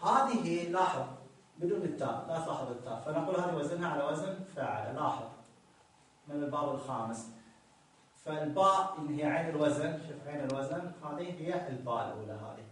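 A man's voice: fairly high pitch, lively intonation, quick pace, fairly bright tone, distant mic. A male teacher explains a grammar text patiently, reading a line and then going over it again and again. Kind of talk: explaining Arabic morphology. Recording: very echoey room, voice from the mic.

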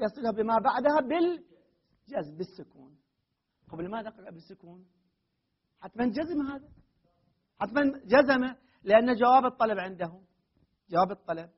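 A teacher of Arabic grammar and Quran readings gives a classroom lecture on grammar in a high, husky voice. He explains slowly, repeating his points and rising to hard emphasis on key words. The recording sounds dull and lo-fi.

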